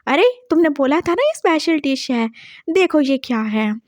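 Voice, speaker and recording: A sweet-talking, sly young woman coaxes and wheedles in a high, bright voice, as a woman storyteller acts her out. She is a figure in a told drama story, recorded dry and close. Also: animated, normal speed, dry recording. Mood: coaxing. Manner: coaxing, overly sweet.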